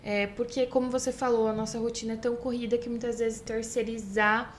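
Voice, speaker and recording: A woman's voice: on the high side, little pitch movement, brisk, a little hiss or hum. A woman with a Brazilian accent co-hosting a podcast, speaking conversationally and asking the guest questions. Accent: Brazilian Portuguese. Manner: conversational, asks questions with many tag questions. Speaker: podcast co-host. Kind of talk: casual interview chat.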